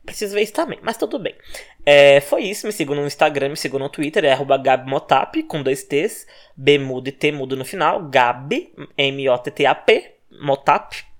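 Young Brazilian man with a Brazilian Portuguese accent, solo podcast host, talks fast, swings his pitch all over, swears freely. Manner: fast-talking, animated and profane. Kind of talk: casual solo podcast rant.

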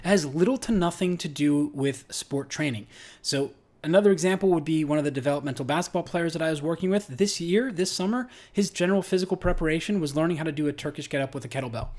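Chatty male strength coach, fairly high voice. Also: quick pace, darkish tone. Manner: conversational, uses many fillers and restarts. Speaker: strength coach and podcast host. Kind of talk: casual podcast monologue.

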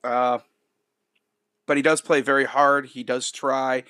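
A man's voice: medium pitch, little pitch movement, slow pace, pushed and bright, no room sound, clean studio sound. A man from upstate New York hosting a sports podcast, talking casually and with opinion, repeating phrases for emphasis. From Rochester, New York, United States.

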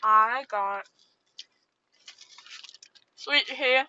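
A woman's voice: fairly high pitch, very slow, bright, forceful tone, lo-fi sound, slight background noise. A young woman co-hosting a podcast, teasing her sister in casual chat from a parked car. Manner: teasing, dry. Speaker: podcast co-host.

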